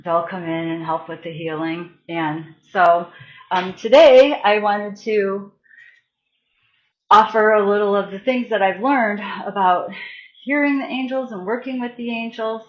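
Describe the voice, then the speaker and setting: A woman healer and massage therapist speaks in a chatty, halting way, full of fillers and restarts. She sits at a middle pitch, telling stories and guiding a meditation. The sound is dull and lo-fi. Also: fairly even intonation. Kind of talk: casual live-stream storytelling and guided meditation.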